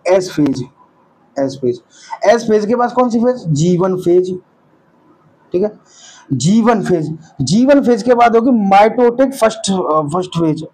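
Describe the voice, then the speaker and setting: On a rough recording, a man with a high, darkish, slightly rough voice teaches a lesson in casual lecture style. He draws out key terms slowly, then suddenly speeds up, repeating terms back as quiz questions and correcting his own slips.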